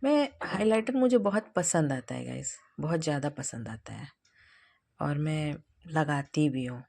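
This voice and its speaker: A young woman chatting casually to her viewers in a home vlog, hurried and talkative. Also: low-pitched, lively intonation, creaky, a little mellow. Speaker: vlogger.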